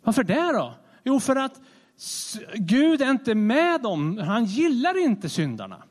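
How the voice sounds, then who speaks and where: Man, preacher, sermon, high lively voice, conversational, long hall reverb. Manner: animated, conversational, with frequent restarts.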